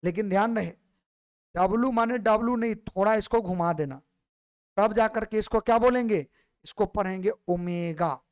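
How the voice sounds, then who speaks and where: Man teaching with a smooth, clear voice. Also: sits high, normal speed. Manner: patient, repeats questions to students. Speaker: physics teacher. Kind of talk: classroom lecture.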